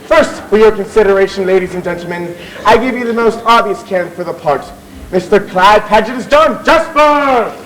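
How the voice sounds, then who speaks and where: Man acting a high-voiced, pompous music hall chairman. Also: expressive, brisk. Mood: showy, bantering. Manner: pompous, declamatory, bantering with the audience. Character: theatrical, bossy Victorian music hall chairman. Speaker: master of ceremonies. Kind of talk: comic stage musical narration. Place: theatre stage. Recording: noisy live theatre audience recording.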